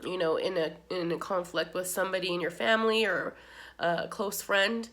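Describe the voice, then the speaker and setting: Middle-aged woman vlogger, slightly low voice, teary and rambling, heartfelt casual talk. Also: steady tone, normal speed, fairly bright tone. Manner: rambling, many "you know"s, tearful and heartfelt. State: crying. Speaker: makeup vlogger. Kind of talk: casual chat while doing makeup.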